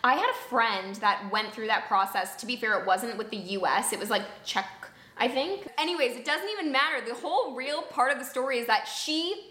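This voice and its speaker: A woman's voice: on the high side, expressive, brisk, hardly any pauses, bright, forceful tone, echoey room. A woman from New York co-hosting a casual podcast, frank and chatty, with lots of "like". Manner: chatty, frank, says "like" a lot. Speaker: podcast co-host. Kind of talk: casual chat.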